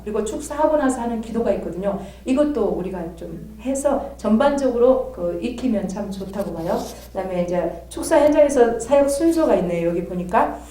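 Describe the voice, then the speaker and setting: A woman's voice: on the high side, mellow. Woman lecturing in a roomy hall. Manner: chatty, conversational, checks in with listeners. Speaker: theology lecturer. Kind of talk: classroom lecture. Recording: roomy, from a distance.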